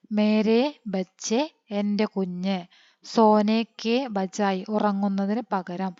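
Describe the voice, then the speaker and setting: A woman from teaching an online lesson, reading text slowly and then quickly glossing words one by one. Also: mid-range voice, a little mellow, no room sound. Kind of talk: online Hindi lesson explained in Malayalam. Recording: dull lo-fi sound.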